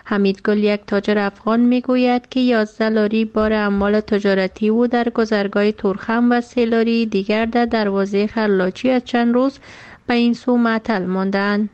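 A woman with an Afghan Dari accent reading a radio news report in an even, measured way. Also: a little high, clean tone. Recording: slightly dull lo-fi sound.

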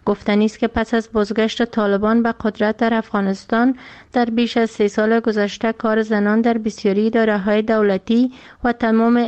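A woman with an Afghan Dari accent reading a radio news report in an even, measured way. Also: fairly high pitch, clear, resonant tone. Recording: slightly dull lo-fi sound.

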